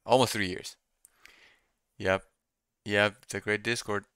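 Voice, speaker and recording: A young man doing casual live trading commentary, thinking out loud and repeating his phrases as he muses. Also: on the low side, fairly even intonation, a little slow, clear, resonant tone, no room sound, studio quality. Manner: repeats phrases while musing to himself. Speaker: day trader streaming live. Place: small room indoors at a computer desk.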